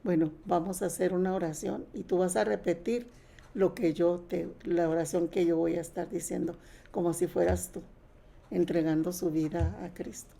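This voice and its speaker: An older woman recounts her own testimony in a relaxed, conversational way. Her voice is mellow and gravelly, and she slips into the quoted words of others as she tells it. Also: lowish voice, moderate pace. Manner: plain conversational retelling with quoted dialogue. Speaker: guest sharing testimony. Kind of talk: personal testimony.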